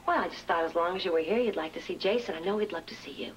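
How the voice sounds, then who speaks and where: A woman playing a scheming soft-spoken nanny. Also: lowish voice, rapid-fire, highs cut off, a little hiss or hum, lightly acted. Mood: coaxing. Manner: hesitant, coaxing, falsely modest. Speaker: nanny in a soap opera. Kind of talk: 1980s daytime soap acting.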